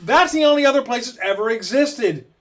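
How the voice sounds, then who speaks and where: A man's voice: very high-pitched, lively intonation, a little fast. A man from Maryland delivering a blunt, profane political rant to camera as a vlogger. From Maryland, USA.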